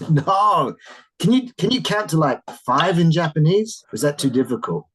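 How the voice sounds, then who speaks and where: A teacher running an online English class for children over a video call, animated and encouraging, often exclaiming in surprise. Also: mid-range voice, normal speed, husky, poor audio.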